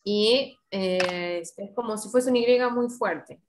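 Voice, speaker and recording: A woman's voice: medium pitch, slight background noise, poor audio. A woman with an Argentine accent teaching English online, patiently modeling words and coaching pronunciation. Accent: Argentine Spanish. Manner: patient, slow and encouraging, models words carefully.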